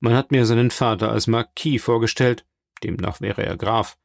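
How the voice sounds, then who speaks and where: Guy doing a calm ironic count, bit lower, gravelly, dry sound. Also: moderate pace, no room sound, close to an everyday voice. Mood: composed. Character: cool, worldly middle-aged male count.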